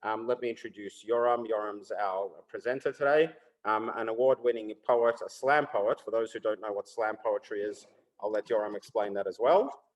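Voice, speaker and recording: A man's voice: on the low side, steady tone, normal speed, lo-fi sound. A man opening an online event and introducing the presenter hesitantly, with many fillers. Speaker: event organizer introducing the speaker. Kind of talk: casual introduction.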